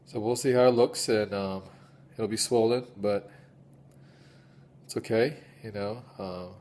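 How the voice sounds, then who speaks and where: A man with a stuffy, congested nose giving a halting, low-key recovery update in a casual vlog style. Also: fairly even intonation, darkish tone, a little hiss or hum. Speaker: patient recording recovery diary.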